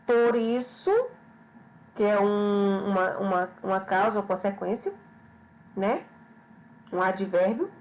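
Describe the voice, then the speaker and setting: A woman teaching a grammar lesson at a slow, unhurried pace. Her voice sits a little high, and she repeats each question patiently, checking in with her pupils as she goes. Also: low-quality recording.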